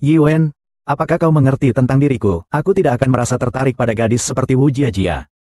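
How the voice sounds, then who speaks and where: A man voicing all the roles of a dubbed short drama in the same flat, even delivery, recorded close on a studio mic. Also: medium pitch, fast, dry recording, lightly acted.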